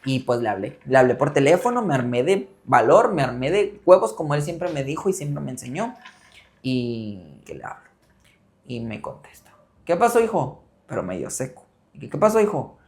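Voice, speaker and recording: A young man with a Mexican accent hosting a casual show, telling a personal story with lively acted-out quotes and frequent laughter. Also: mid-range voice, normal speed. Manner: animated, acts out relatives' quotes, laughs often. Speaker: host.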